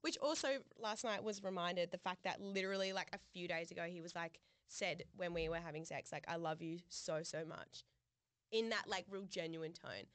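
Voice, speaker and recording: A young woman, co-hosting a podcast in casual chat, telling her story in an animated, sweary way with laughs. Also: lowish voice, a little fast, hardly any pauses, no room sound. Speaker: podcast co-host.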